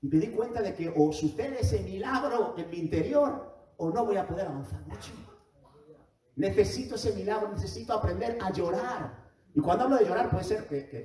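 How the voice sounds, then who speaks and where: A male pastor preaches with fervor, firing rhetorical questions and stumbling over repeated words. His voice sits a bit high for a man. He is heard from some distance in a roomy, echoing church. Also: darkish tone. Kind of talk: sermon. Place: church hall. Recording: echoey church from far off.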